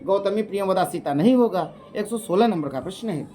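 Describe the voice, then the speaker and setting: A man teaching Sanskrit exam questions, reading options aloud, slowly chanting verses and explaining each answer in casual, repetitive speech. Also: high-pitched, lively intonation, warm tone. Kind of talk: exam question walkthrough lesson.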